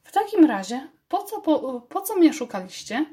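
A woman reading a storybook aloud and voicing a vain, theatrical little female mouse who squeaks dramatically. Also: big pitch swings, normal speed, mellow.

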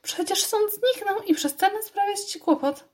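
A woman reading a storybook aloud and voicing a vain, theatrical little female mouse who squeaks dramatically. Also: normal speed, darkish tone.

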